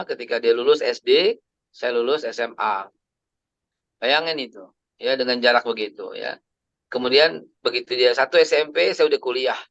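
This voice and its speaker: A man's voice: mid-range voice, vocal fry, fairly bright tone, no echo. A man, telling personal stories in a chatty family sermon and sprinkling in English phrases. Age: 50s. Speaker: Islamic preacher. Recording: dry, slightly dull lo-fi recording.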